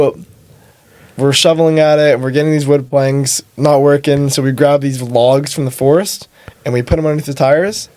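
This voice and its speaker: A man's voice: fairly high pitch, a little mellow, dry recording. Young man recounting a story plainly. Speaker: guest, host's son.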